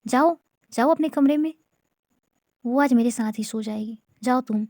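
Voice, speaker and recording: A woman voicing a bossy, doting middle-aged mother who scolds her daughter loudly, in a gravelly, dark voice. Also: fairly high pitch, a little slow, no echo, clean studio sound. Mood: scolding. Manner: bossy and loud, shooing her daughter away.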